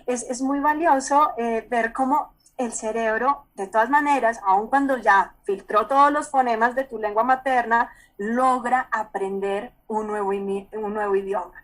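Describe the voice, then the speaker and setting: Over a video call, a Colombian psychologist explains things in a somewhat high, fairly even voice. She keeps an easy conversational pace, repeats words, and often pauses to make sure the listener is following.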